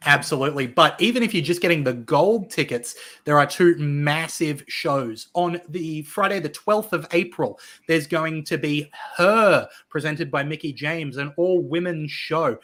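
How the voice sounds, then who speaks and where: An Australian man hosting a wrestling podcast, rattling off event listings in a casual chat with excited emphasis. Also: fairly high pitch, unhurried, few pauses.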